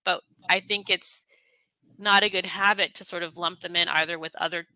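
Bright-toned woman host, thoughtful. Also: on the low side, steady tone, normal speed, no room sound, rough recording. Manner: thoughtful, hedging with many fillers. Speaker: podcast host. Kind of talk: conversational interview.

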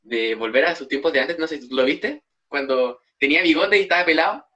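A man's voice: on the high side, brisk, sharp tone. A young man with a Chilean Spanish accent, co-hosting a podcast and telling stories in a rambling casual way. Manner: rambling storyteller with restarts. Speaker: podcast co-host. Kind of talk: casual chat.

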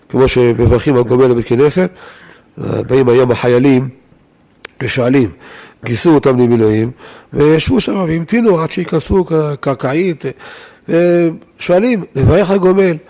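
Man giving a lively Torah lesson. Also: fairly high pitch. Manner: lively, rhetorical questions to listeners. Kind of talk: weekly Torah lesson to a live audience.

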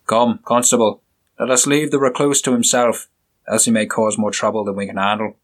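Briskly and with little pitch movement, a man with a fairly low voice plays a haughty middle-aged police inspector, lightly acted. The character is stern and dismissive, giving curt, condescending commands.

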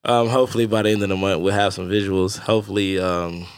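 A man's voice: low voice, flat delivery, fast talker, clear, resonant tone, dry recording, clean studio sound. A man co-hosting a casual podcast chat, sounding slightly nasal from a cold, laid-back and profane, laughing often. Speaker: podcast co-host.

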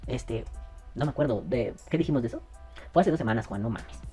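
Joking Mexican man, lively and mellow. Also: mid-range voice, brisk, husky, faint music behind. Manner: crude, joking banter full of slang; keeping his voice down. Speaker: podcast host. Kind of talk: casual podcast chat.

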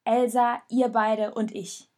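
A woman voicing a young girl who urgently pleads with her friends to hold together, in a storybook reading with a breathy voice. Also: fairly high pitch, a little slow, darkish tone. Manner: urgent, pleading then firm. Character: girl named Rosa, young, determined peacemaker.

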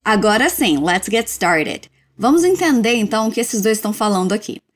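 A woman teaching English in a language lesson, modelling phrases slowly and drawing them out for learners to repeat. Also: medium pitch, animated. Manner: slow, drawn-out model phrases for repetition.

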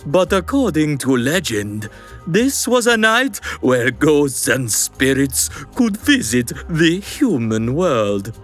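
A man's voice: a little high, big pitch swings, slow pace, faint music behind, exaggerated voice. A man doing Dracula, hammy vampire count. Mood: hammy, gloating. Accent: put-on Transylvanian. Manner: dramatic, with gloating laughs. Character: theatrical male vampire count, hammy and gleeful. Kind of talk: kids' quiz show sketch.

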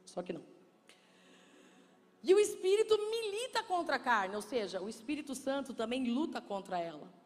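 High-voiced woman pastor preaching in a reverberant church. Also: very animated. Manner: playful, joking with the congregation; slows and softens into quiet, intimate speech. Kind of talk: sermon. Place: church sanctuary.

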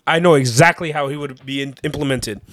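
A young man co-hosting a podcast in casual chat, excited and slangy, laughing often. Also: fairly high pitch, brisk. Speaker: podcast co-host.

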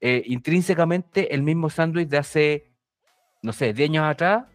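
A man with a Chilean accent, co-hosting a casual podcast chat, making his point haltingly with many restarts. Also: a little high, no echo, soft background music. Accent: Chilean Spanish. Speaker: podcast co-host.

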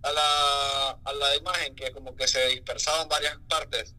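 A man's voice: mid-range voice, level tone, moderate pace, sharp tone, low-quality recording. A man with a Honduran Spanish accent, a music artist telling his story candidly in a casual interview.

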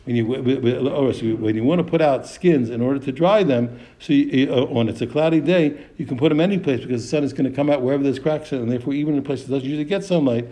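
Mellow-voiced man teaching Talmud. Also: mid-range voice, quick pace, few pauses. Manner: reads Aramaic phrases, then explains them in English; frequent restarts, repeated words and hesitations. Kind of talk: reading and explaining a Talmud text.

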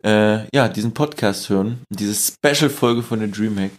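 A man with a fairly low voice co-hosts a casual podcast. He rambles through stories and laughs a lot. He is recorded in a hotel room. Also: normal speed. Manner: laughs often, rambling storytelling. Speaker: podcast co-host. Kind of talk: casual chat.

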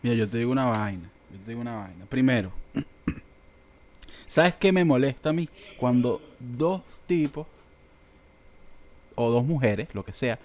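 A man's voice: medium pitch, lively intonation, unhurried, long pauses, darkish tone. A man with a Venezuelan accent in casual chat, reacting and ranting with lots of swearing. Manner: profane, emphatic reactions and rants.

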